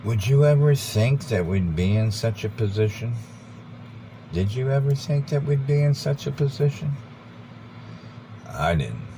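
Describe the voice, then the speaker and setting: An American man giving an informal, rambling monologue, earnest and deliberate, repeating phrases for emphasis. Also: animated, mellow, low-quality recording. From United States. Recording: background noise with vehicle rumble.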